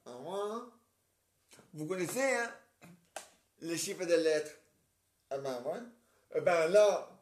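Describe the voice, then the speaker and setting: A man talking on his own in a casual, rambling monologue, muttering counts under his breath and clearing his throat between fillers. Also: high-pitched, a little mellow. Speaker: vlogger. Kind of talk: casual solo monologue to camera. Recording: roomy echo.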